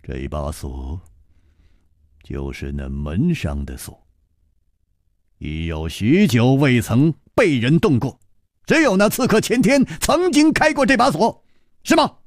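A man playing a suave, sharp-witted male detective hero, calm and teasing, in a spoken storytelling recording. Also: mid-range voice, takes it slowly, pauses often, dry recording, clean studio sound. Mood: amused.

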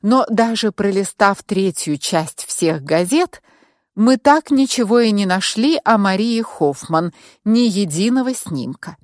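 A woman reading a first-person audiobook in a calm, measured way. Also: mid-range voice, no room sound, studio quality. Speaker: audiobook narrator.

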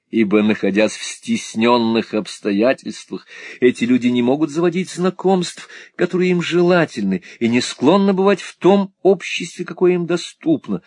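Male narrator, literary audiobook, lively melodic reading, dry close mic. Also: medium pitch, no echo. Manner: measured, expressive storytelling.

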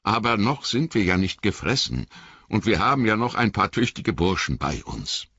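A man's voice: on the low side, sing-song, normal speed, fairly bright tone, breathy edge, no room sound, highs cut off, exaggerated voice. A man doing a homely, loyal hobbit. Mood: reassuring. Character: loyal, plain-spoken male hobbit servant.

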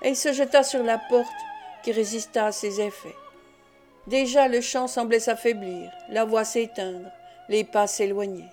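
A woman reading a classic novel aloud as an audiobook, in a measured, expressive way. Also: on the high side, soft background music. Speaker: audiobook narrator. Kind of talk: scripted narration of a classic novel.

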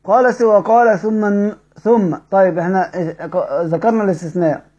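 A man with an Egyptian accent leads a Quran recitation lesson in a high, clear voice. He explains rules in quick colloquial speech, quizzes his students, and slows right down to recite verses. The sound is dull and muffled. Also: fairly even intonation, darkish tone. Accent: Egyptian Arabic. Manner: addresses students directly with questions.

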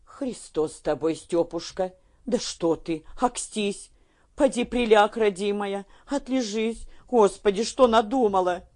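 A man's voice: high voice, measured pace, a little mellow, pitched above the performer's own voice. A man voicing a fretful, pious old peasant mother. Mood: alarmed pleading. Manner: fussing, pleading in folk speech.

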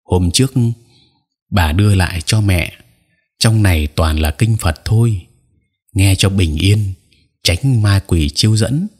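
A man playing a gentle, anxious mother. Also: deep voice, husky, heavily acted. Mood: earnest. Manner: slow, soothing and earnest. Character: worried, gentle mother soothing her child.

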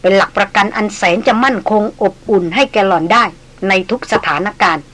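A woman narrating a novel in an even, measured reading voice. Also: mid-range voice, poor audio. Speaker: audiobook narrator.

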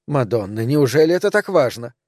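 A man reading an audiobook, voicing an older woman, a gruff grandmother who speaks curtly and irritably. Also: medium pitch, very animated, brisk, a little mellow, no echo, studio quality. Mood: exasperated. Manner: curt and irritable.

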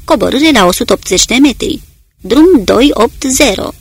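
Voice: medium pitch, animated, a bit bright, husky, dry recording. A narrator reading an audiobook, voicing a male submarine captain who gives curt, clipped orders. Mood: commanding.

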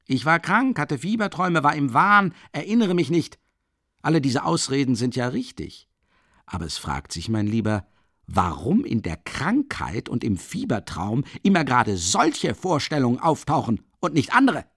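An actor playing a sly, jovial middle-aged investigator who teases and needles with questions. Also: male voice, mid-range voice, very animated, moderate pace, fairly bright tone, no room sound, clean studio sound. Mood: mocking.

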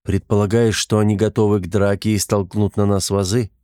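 Man reading as a calm young prince. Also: lowish voice, brisk, no echo, clean studio sound, close to an everyday voice.

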